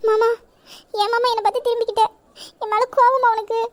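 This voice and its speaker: A woman's voice: extremely high pitch, flat delivery, a little fast. A woman voicing a young college girl in love in a romantic audio drama, pleading and coaxing her sweetheart. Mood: pleading, tearful.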